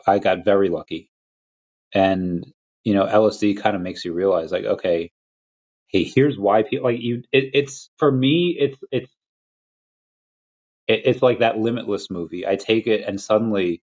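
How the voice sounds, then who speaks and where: A young man from Peru hosting a casual livestream chat, rambling and restarting his sentences, with quick laughs between thoughts. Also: low voice, darkish tone. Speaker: crypto livestream host. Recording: lo-fi dull audio.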